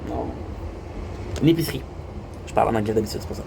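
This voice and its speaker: A man's voice: lowish voice, fast talker, gravelly. A young Québécois man telling a rambling story in a casual monologue, repeating himself and swearing casually. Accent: Québécois French. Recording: noisy background hum.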